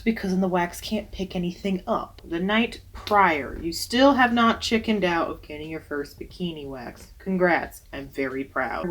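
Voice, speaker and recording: A young woman who works as a waxer, giving casual, emphatic advice with jokey asides in a vlog. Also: mid-range voice.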